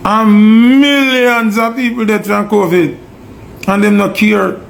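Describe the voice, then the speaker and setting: Jamaican man, raspy with fry, on the higher side; preachy, emphatic commentator rant. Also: fairly even intonation, takes it slowly, a little hiss or hum. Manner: preachy, emphatic, fires repeated rhetorical questions. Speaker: online commentator. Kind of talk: ranting monologue.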